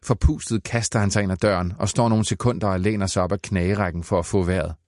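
A man narrating a children's audiobook in a playful, expressive way. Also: sits low, dry recording, clean studio sound.

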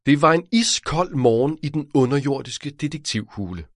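A man's voice: medium pitch, no echo, clean studio sound. A man, the author, narrating his own children's detective audiobook and speaking directly to a young listener. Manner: lively, addressing a child listener.

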